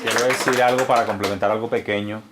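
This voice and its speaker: A pastor with a fairly low voice offers an earnest, informal teaching. His delivery is mostly steady, and his pitch climbs sharply when he drives a point home. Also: fast, a loud crowd, very noisy. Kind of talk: informal preaching.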